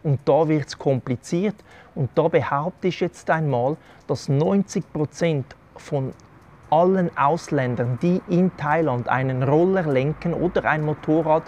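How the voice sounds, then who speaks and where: Middle-aged man, Swiss German accent, slightly high pitch; earnest explainer to camera, lapel mic, outdoor terrace. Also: measured pace, darkish tone, a little hiss or hum. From Switzerland. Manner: earnest, explains step by step to viewers. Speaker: travel vlogger giving advice. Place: covered outdoor terrace by a garden. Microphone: clip-on lapel mic.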